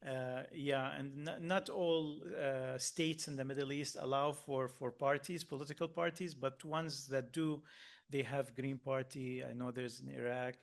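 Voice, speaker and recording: A man originally from Lebanon giving a workshop talk, earnest and hesitant, with frequent pauses and restarts. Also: medium pitch, steady tone. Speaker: workshop speaker.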